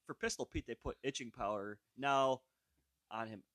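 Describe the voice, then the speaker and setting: A man's voice: medium pitch, moderate pace, fairly bright tone, no echo, studio quality. Hesitant man recapping, full of "like". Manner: recapping a film, filled with "like" and hesitations. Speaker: podcast co-host. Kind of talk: casual chat.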